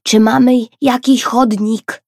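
Woman reader doing a keen small boy in a storybook, bright exclamations, lively and raspy. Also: medium pitch, moderate pace, dry recording, clean studio sound, voice pushed up. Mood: eager. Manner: eager, exclaiming. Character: excited little boy.

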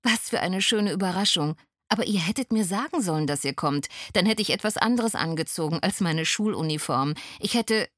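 Woman reading as a young schoolgirl, eager, breathless, husky, slow, dry sound. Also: lowish voice, animated, a bit bright, no echo. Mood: excited. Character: young schoolgirl, lively, then frightened.

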